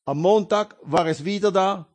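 High-voiced man in solemn prayer. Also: darkish tone. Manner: slow, solemn, pleading. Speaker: voice-over translator of a sermon. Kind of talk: earnest spoken prayer and preaching.

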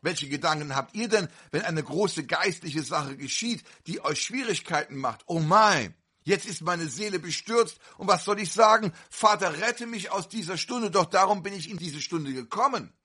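A man preaching a fervent sermon to a congregation, with sudden loud outbursts. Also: a little high, lively intonation, normal speed, hardly any pauses, husky.

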